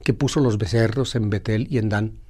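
Male priest preaching to listeners, mellow tone, stops to say eh a lot while explaining. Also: lowish voice, steady tone, husky. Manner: reads scripture aloud then explains it with pauses and "eh" fillers; addresses listeners directly. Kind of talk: sermon reflection on a Bible reading.

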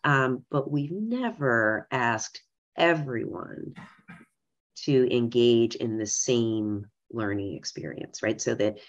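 A woman's voice: extremely low pitch, dull audio. A woman executive giving a conference presentation remotely, speaking conversationally and often adding "right?" to her points. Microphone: remote video call audio.

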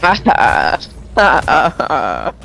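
A man's voice: a little high, creaky. A young man teasing his friends over a voice call while gaming. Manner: lively, teasing, quick to laugh. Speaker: gamer in voice chat. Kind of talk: casual gaming chat.

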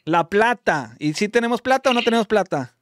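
Mexican guy streaming, high lively voice all over the place, teasing callers, quick play by play, dry close mic. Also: no echo. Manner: excitable, teasing, rapid play-by-play. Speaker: streamer host calling followers. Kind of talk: lively live-stream phone game commentary.

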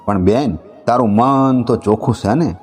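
A man's voice: medium pitch, normal speed, a little mellow, slightly rough, lightly acted. A man voicing a loyal, protective village man who reassures his sworn sister in a folk tale. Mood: earnest.

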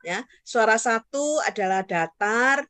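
A woman's voice: on the high side, expressive, measured pace, a bit bright, dry recording. A woman teaching Hakka in an online class, patiently modeling tone syllables for learners to repeat and checking in with them often. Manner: keeps checking understanding with "ya".

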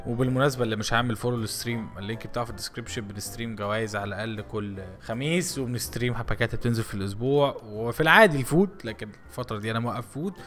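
A young man with an Egyptian accent, commentating his own football video game play in lively, teasing outbursts. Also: medium pitch. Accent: Egyptian Arabic. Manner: animated, shouting at the game, teasing. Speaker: gaming YouTuber. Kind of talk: excited gameplay commentary.

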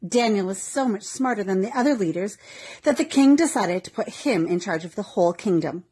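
Husky-voiced woman narrating a story. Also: medium pitch, brisk. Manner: clear, even read-aloud storytelling.

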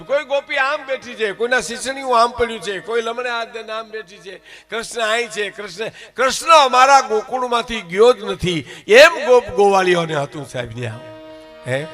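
A man's voice: high-pitched, fairly bright tone. A man telling a devotional folk story on stage, dramatic and emotional, shifting into the voices of his characters.

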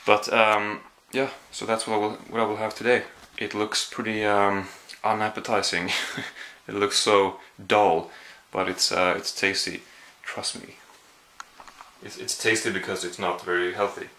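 A little slow and level in tone, his lowish voice has a sharp edge, with a faint hiss or hum behind it. He's a young man from Sweden with a Swedish accent, rambling self-deprecatingly in a casual vlog shot on a handheld camera at arm's length in his small apartment.

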